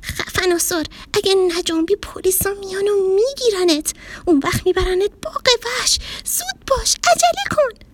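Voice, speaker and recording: A woman voicing an excitable, anxious young boy with high, urgent calls.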